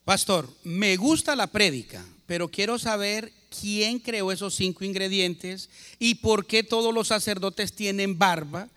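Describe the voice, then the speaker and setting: A man's voice: sits high, unhurried, sharp tone. A man in the congregation asking the pastor questions, curious.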